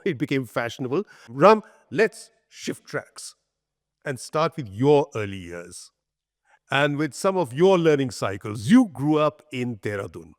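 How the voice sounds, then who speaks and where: An older man hosting a conversational interview in a halting, deliberate way. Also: mid-range voice. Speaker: podcast host, interviewer.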